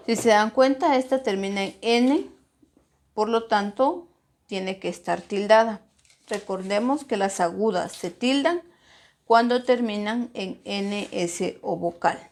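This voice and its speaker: A woman teaching a primary school grammar lesson, slowly and deliberately, stressing syllables as she models words. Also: mid-range voice, darkish tone, a little hiss or hum.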